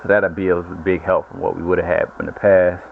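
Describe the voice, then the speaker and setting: Man, casual gameplay commentary, rambling, low voice, lo-fi phone-like sound, noisy background. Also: level tone, normal speed, gravelly. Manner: rambling, self-correcting storyteller. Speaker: gaming channel host. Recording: lo-fi phone-like audio with noise.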